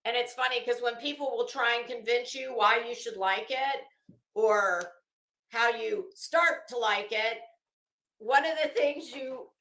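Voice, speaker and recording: Her voice sits a little high and a bit bright, and she keeps a measured pace. This American livestream host talks with viewers in a chatty, blunt, emphatic manner, in a room with noticeable echo.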